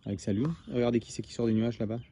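A male teacher reading a picture book aloud to his pupils, gently pointing things out and explaining as he goes. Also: mid-range voice, fairly even intonation, rapid-fire, slight background noise.

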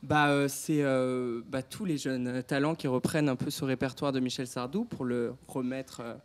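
A man's voice: medium pitch, steady tone, moderate pace. A young man, a singer, answering interview questions hesitantly with many fillers. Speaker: singer guest. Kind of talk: studio interview. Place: TV studio set. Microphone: handheld mic.

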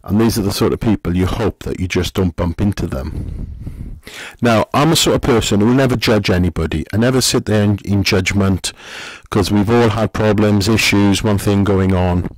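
A middle-aged man, a pastor, giving a gentle, conversational sermon full of questions to the listener. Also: lowish voice, normal speed, no room sound.

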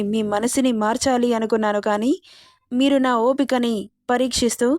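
A woman's voice: a little high, darkish tone, no echo, studio quality, natural voice. A woman voicing a proud young heroine, hurt and defiant. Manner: pleading then defiant, earnest.

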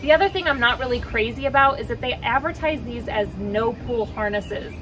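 Woman, 30s, upbeat casual review, slightly high voice, outdoor deck, camera at mid distance. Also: fairly quick, a bit bright. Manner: chatty and upbeat, calls her dogs with high boop sounds. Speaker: dog trainer and vlogger. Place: outdoors, on a wooden deck by woods.

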